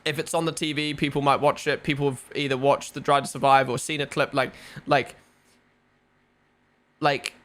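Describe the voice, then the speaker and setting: A young New Zealand man hosts a live watch-along stream, rambling casually with lots of fillers and swearing. His voice is medium-pitched and fairly bright, with a level tone at normal speed.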